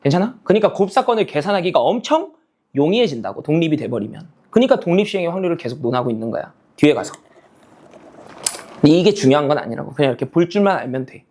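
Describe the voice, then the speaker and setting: A man's voice: on the high side, sing-song, fast, a little mellow. A male math teacher giving a casual classroom lecture, checking in with students again and again with a rising "okay?" and "got it?". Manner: casual, talks down to students' level.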